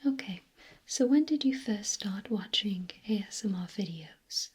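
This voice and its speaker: A woman in a whispered role-play as a clinic examiner, speaking gently in a breathy, unvoiced whisper. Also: mid-range voice, expressive. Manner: slow, gentle, softly questioning. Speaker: ASMR performer playing a clinic examiner.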